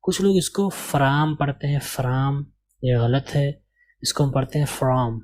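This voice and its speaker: A man's voice: on the high side, a little mellow. A man from India, teaching an English course and patiently explaining how to do the exercises, repeating his key points. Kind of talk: explaining a language course lesson.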